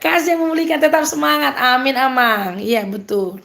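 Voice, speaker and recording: A woman's voice: high voice, fairly even intonation, normal speed, creaky, a bit bright. Upbeat woman with a Medan accent. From Medan, North Sumatra. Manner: upbeat and chatty, laughs often. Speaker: live streamer. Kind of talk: live-stream chat reading out viewer comments.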